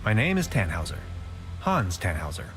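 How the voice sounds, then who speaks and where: A man's voice: low voice, huge pitch swings, moderate pace, fairly bright tone, slight background noise, heavily acted. A man voicing a fussy, orderly man who mutters about clutter and order.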